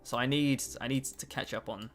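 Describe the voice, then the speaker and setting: Talking at a moderate pace, this twenty-something male streamer keeps things chatty on his livestream, responding to chat between tasks and poking fun at himself. His mid-range voice has a fairly bright tone and fairly even intonation, over soft background music.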